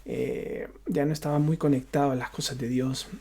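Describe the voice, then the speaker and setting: Gravelly, dark, and slightly rough, this man's medium-pitched voice holds a steady tone. He is a pastor from Honduras, speaking with a Honduran Spanish accent as he offers an unscripted testimony, often stopping and repeating while searching for words.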